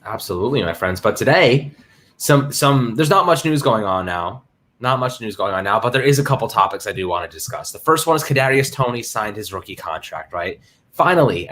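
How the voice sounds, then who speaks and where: A man's voice: medium pitch, a bit bright. A man hosting a casual sports livestream, talking in hyped slang and greeting chat viewers by name. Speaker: livestream host.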